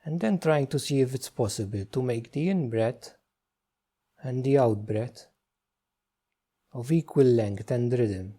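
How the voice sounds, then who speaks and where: This is a guided meditation from a man whose voice is dark, relaxed and of medium pitch. His gentle instructions come in short phrases, spaced out by unhurried pauses.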